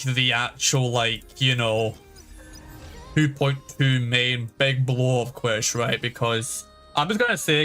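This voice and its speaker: A man with a medium-pitched, slightly bright voice chats casually while streaming a game, with background game music playing behind him. He rambles and swears freely as he goes.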